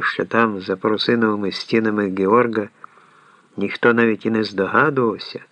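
A man narrating an audiobook in a measured storytelling way. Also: lowish voice, fairly bright tone, no echo.

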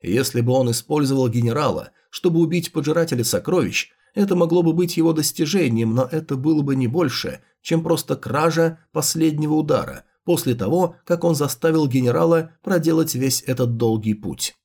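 A man's voice: fairly high pitch, brisk, few pauses, darkish tone, husky. Male narrator reading fantasy fiction. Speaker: audiobook narrator.

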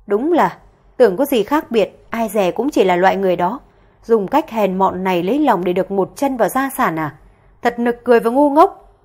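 A woman's voice: a little high, quick pace, a little mellow, close to an everyday voice. Woman doing a sneering, spiteful stepmother. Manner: sneering, mocking. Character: scheming middle-aged stepmother, spiteful and two-faced.

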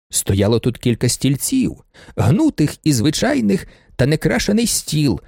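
A man reading a classic novel aloud as expressive first-person audiobook narration. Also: a little high, vocal fry, slightly rough, no room sound, studio quality. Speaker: audiobook reader.

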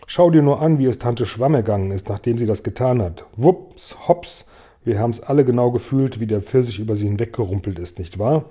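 Storybook centipede, male, boastful, brash, gleeful, dark and husky, read by a man. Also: medium pitch, a little fast, lightly acted. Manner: loud, proud and gleeful. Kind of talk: audiobook reading.

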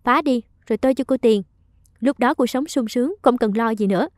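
A cruel older matriarch barks orders and insults in quick, scolding bursts, as a woman narrator puts her on. The voice stays mellow in tone, recorded dry and close. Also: medium pitch, lively intonation, dry recording, natural voice. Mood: harsh. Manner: bossy, scolding. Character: harsh domineering older mother-in-law.

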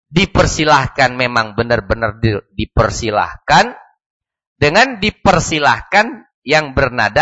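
A man with an Indonesian accent teaching a mosque lesson, acting out little dialogues and reciting Arabic slowly. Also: mid-range voice, a bit bright, no echo. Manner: acts out little dialogues, frequent "barakallahu fikum"; slow, measured recitation of Arabic text. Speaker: ustadz teaching a book study. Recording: dull lo-fi dry recording.

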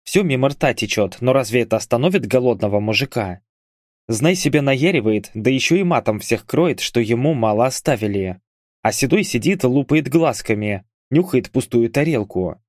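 A man reading an audiobook aloud as narrator, with expressive, lively storytelling. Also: mid-range voice, moderate pace, dry recording, clean studio sound.

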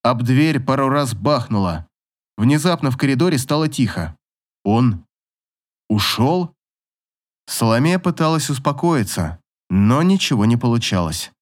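A man's voice: medium pitch, expressive, moderate pace. Man narrating an audiobook. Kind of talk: scripted narration.

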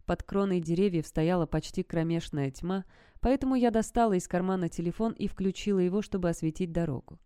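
A woman's voice: fairly low pitch, fairly quick, mellow, clear, resonant tone, no echo, clean studio sound. A woman narrating a first-person audiobook in a tense, suspenseful storytelling manner.

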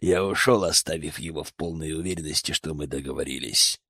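A man voicing a steady, frank grown male ally in an audiobook, speaking in a low, calm tone. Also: brisk, breathy edge, no echo, studio quality, heavily acted. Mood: grave.

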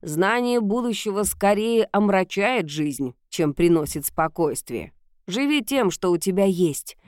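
A woman voicing an old, grumbling village witch who tells fortunes in a gruff, slow, mocking way. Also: medium pitch, lively intonation, a little mellow, no room sound, studio quality, natural voice.

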